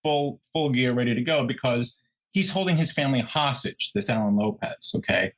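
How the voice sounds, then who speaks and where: A man with a medium-pitched voice, speaking at a moderate pace, co-hosts a true crime podcast and retells the story in an animated, conversational way, mimicking people's reactions. The audio is poor.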